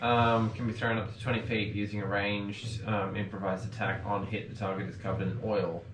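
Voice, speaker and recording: Player, lowish voice, hesitant with lots of ums, echoey noisy room. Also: male voice, level tone, moderate pace. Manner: hesitant, lots of ums, reads rules aloud. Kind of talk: tabletop game play.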